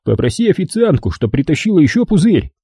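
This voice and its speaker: A man reading an audiobook, voicing a menacing drunk gang leader who snarls crude threats in a husky, dark voice. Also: on the high side, big pitch swings, quick pace, dry recording, clean studio sound, voice pushed up, heavily acted.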